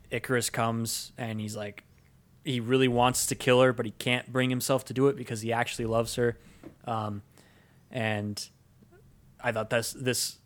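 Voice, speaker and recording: A man co-hosting a relaxed movie podcast, retelling a plot at length. His speech is full of ums, uhs and restarts, at an ordinary middle pitch for a man. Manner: rambling plot recap with frequent ums and uhs. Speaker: podcast co-host. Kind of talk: casual movie review chat.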